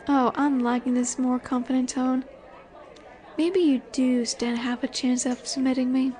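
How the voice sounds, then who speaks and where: This poor-quality recording features a woman performing a flirtatious, confident werewolf alpha in a roleplay audio drama, determined to take control. Her voice is very high and a little mellow, and she speaks slowly and sultrily, teasing with long pauses and a dominant air directed at the listener. Bar chatter murmurs faintly in the background.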